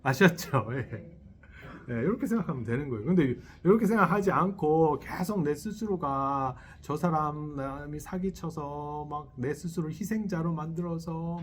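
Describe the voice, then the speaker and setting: Lively monk preaching with questions. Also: male voice, a little high, a little hiss or hum. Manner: lively, asks the audience questions and checks in often; chuckles while acting out little inner voices. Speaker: Buddhist monk giving a dharma talk. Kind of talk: sermon. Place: temple hall. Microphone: selfie-style camera.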